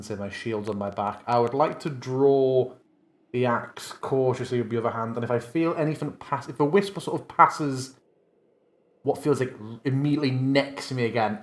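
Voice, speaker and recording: A man playing a tabletop game, calmly explaining his character's careful moves. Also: medium pitch. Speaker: player. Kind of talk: casual tabletop game chat.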